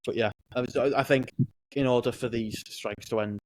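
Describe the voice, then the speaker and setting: A man hosting a podcast, talking in an earnest, deliberate way and correcting himself as he goes. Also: medium pitch, steady tone, noisy background. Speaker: podcast host. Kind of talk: casual podcast chat.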